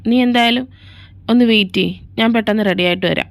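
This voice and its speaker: A woman's voice: medium pitch, fast talker, gravelly, no room sound, lightly acted. A woman voicing a cheeky younger brother who gushes and dodges questions, in a fan fiction audio story. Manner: cheeky, gushing, evasive.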